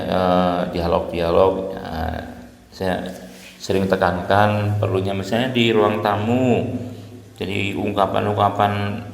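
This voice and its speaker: A man teaching English with an Indonesian accent, speaking patiently, repeating each example slowly and filling pauses with short confirmations. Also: low voice, gravelly. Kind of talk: slow explanatory lesson. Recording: echoey room with long reverb.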